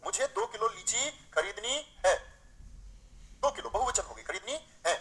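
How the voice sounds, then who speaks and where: A man teaching a live online grammar class. He keeps asking his students rhetorical questions, reads example sentences aloud slowly before correcting them, and calls the students dear friends. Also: sits high, animated, a bit bright, a little hiss or hum, low-quality recording.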